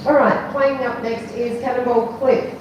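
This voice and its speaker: A woman's voice: on the high side, level tone, normal speed, muffled recording. Echoey woman bingo caller. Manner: formulaic chant, digit by digit then number. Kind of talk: bingo calling, announcing numbers. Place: large echoey bingo venue. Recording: echoey hall, distant mic, faint noise.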